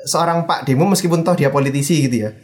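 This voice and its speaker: A man's voice: a little high, fast talker. A man, chatting casually as a podcast co-host, animatedly retelling a story and mixing in English phrases.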